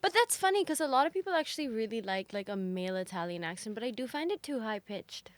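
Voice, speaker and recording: A woman co-hosts a casual podcast, asking questions and teasing in a playful, laughing way. Her voice sits fairly high. The recording is dry and close. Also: very animated, fast talker, no room sound. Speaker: podcast co-host. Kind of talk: casual chat.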